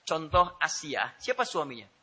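Bright-voiced animated male preacher. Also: a little high, moderate pace, husky. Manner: animated, joking with the audience, rising to loud laughing emphasis; addresses listeners directly. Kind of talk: Islamic sermon.

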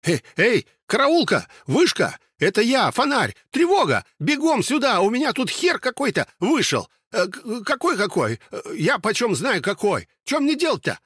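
Man playing a stammering nervous young guard, high-pitched, shrieking, audiobook voice, dry sound. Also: wildly swooping pitch, moderate pace, hardly any pauses, slightly rough, no echo, heavily acted. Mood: panicked. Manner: stammering, shrill, panicked yelling. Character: jittery panicky young male sentry.

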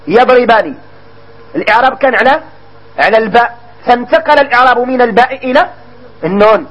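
A Moroccan man with a strikingly high voice leads a grammar lesson in a classroom style. He keeps questioning his listeners and stretches each example word out slowly. The recording is dull and lo-fi. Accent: Moroccan Arabic. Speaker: grammar teacher.

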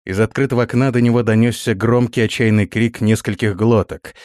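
Low-voiced male audiobook narrator. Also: a little fast, no room sound, studio quality. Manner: steady storytelling with voiced characters. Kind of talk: scripted fantasy narration.

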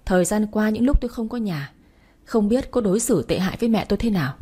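A woman's voice: mid-range voice, expressive, fast, mellow, slightly rough, voice pushed up. A woman reading a story voices an angry young husband who gives harsh orders. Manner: harsh, commanding.

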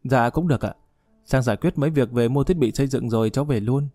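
A man voicing a polite, quick-witted young man who is eager to please. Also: medium pitch, warm tone, dry recording, soft background music, lightly acted.

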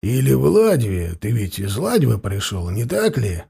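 Voicing a grim warrior who questions a captive, a man keeps his tone low, quiet and even, placing every word slowly and deliberately. His gravelly, dark edge turns the calm threatening in this audiobook, with a cold mood and an exaggerated voice.

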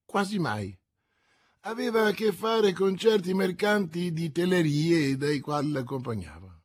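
A man voicing a frightened, fawning middle-aged haberdasher who pleads anxiously in a high, shaky voice. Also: very animated, measured pace. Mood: nervous.

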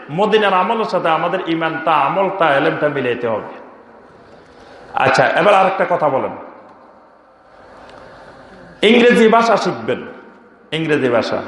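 High-pitched preacher in an echoing hall. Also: male voice, fairly bright tone. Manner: rhetorical questions to the crowd, chanted phrases. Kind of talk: Bengali waz sermon.

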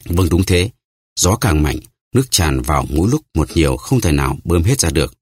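A man's voice: a bass voice, big pitch swings, fairly quick, a little mellow, breathy edge, no echo, exaggerated voice. A man voicing an old sunburnt sailor who reports in a plain, earnest way in an audiobook.

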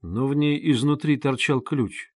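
Expressive male audiobook narrator. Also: mid-range voice, dry recording, studio quality. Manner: measured, expressive reading. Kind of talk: scripted narration.

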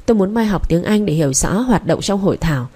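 A woman's voice: lowish voice, expressive, fast, dark tone, husky. Woman reading as a patient young male tutor. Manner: patient, instructive. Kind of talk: audiobook dialogue reading.

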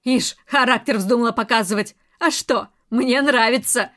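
A brutal, domineering police colonel in an audiobook, voiced by a woman narrator. He speaks slowly and loudly, with cold, mocking menace, in a fairly high, light voice. Every line is a threat. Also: natural voice. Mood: mocking, menacing. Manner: loud, slow, threatening and mocking. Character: domineering menacing man, militia colonel, murderer.

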